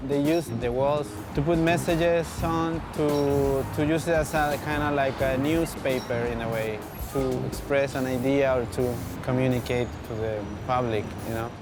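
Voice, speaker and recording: A man's voice: mid-range voice, fairly even intonation, normal speed, few pauses, over music. A man from Chile with a Chilean accent, speaking in a reflective, plain way in a documentary interview.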